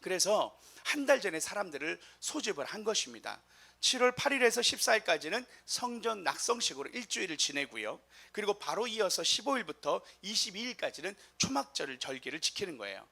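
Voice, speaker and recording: A man's voice: high-pitched, sing-song, a little fast, gravelly, pushed and bright. A man preaching a sermon as pastor, in a humorous, chatty way with the congregation.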